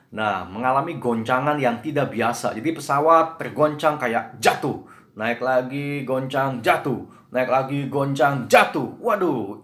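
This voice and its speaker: Animated man preaching a sermon. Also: mid-range voice, echoey room. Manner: animated storytelling, acting out screaming passengers.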